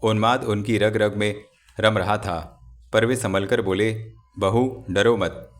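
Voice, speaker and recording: Male audiobook narrator, low voice, measured dramatic storytelling. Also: fairly even intonation. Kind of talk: novel narration.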